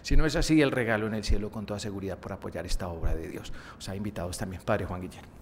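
A middle-aged man giving on-air announcements and a warm appeal for donations to a religious TV channel. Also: quick pace. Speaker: TV channel presenter. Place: studio set at a lectern. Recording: reverberant studio, faint rumble.

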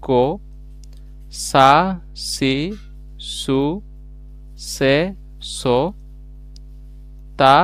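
A man's voice: mid-range voice, clear, resonant tone. A man teaching an online language class, explaining step by step and asking himself questions as he goes. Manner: explains step by step, reads out syllable charts; rhetorical questions, mixes English words into speech.

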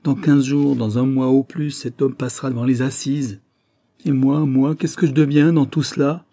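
A man's voice: medium pitch, level tone, moderate pace, mellow, no echo, voice pushed up, close to an everyday voice. A man reading an audiobook, voicing an anguished, guilt-ridden young man who confesses and breaks into desperate outbursts. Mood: bitter. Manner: tormented, rising to desperate outbursts.

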